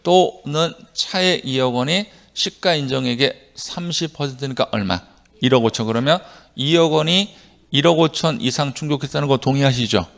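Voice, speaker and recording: A man's voice: medium pitch, moderate pace, vocal fry. A middle-aged man teaching tax law to a live class, drilling students and having them repeat phrases for recitation. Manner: animated, jumps between loud and quiet. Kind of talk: classroom lecture. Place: lecture hall with a live class.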